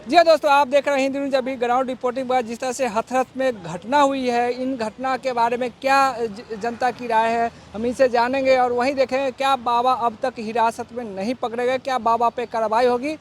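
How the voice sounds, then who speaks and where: A man working as a street reporter, briskly putting questions to a passerby outdoors. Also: extremely high pitch, steady tone, a little hiss or hum. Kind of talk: vox pop reporting.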